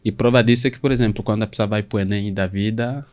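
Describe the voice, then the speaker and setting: A man from southern Brazil hosting an interview, asking long questions in formal, halting phrasing with many restarts. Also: on the low side, steady tone, darkish tone. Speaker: host.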